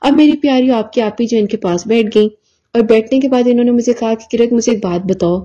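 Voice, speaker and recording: A woman's voice: fairly high pitch, steady tone, mellow. A woman video creator chatting through a personal story, fondly calling her listeners her dears. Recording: slightly dull lo-fi recording.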